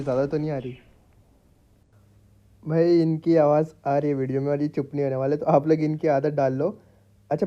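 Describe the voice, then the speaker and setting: A man's voice: fairly high pitch, dark tone, lo-fi sound. A man doing a casual, jokey gameplay voice-over for his channel at home, talking straight to his viewers. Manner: chatty, jokey, addresses viewers as public. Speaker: gaming YouTuber. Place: home room with pet parrots.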